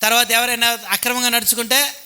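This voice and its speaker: Bright high-voiced Telugu preacher. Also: male voice, level tone, quick pace, clean tone. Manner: conversational, asks the congregation questions, mock-voices petty thoughts. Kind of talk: sermon. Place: church hall. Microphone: cheap handheld microphone.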